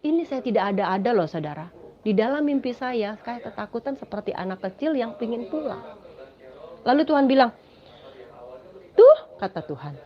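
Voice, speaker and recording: Animated woman telling a dramatic testimony. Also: a little high, fairly quick. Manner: dramatic, addresses listeners as "Saudara". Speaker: testimony speaker. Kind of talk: spoken personal testimony. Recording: dull lo-fi recording.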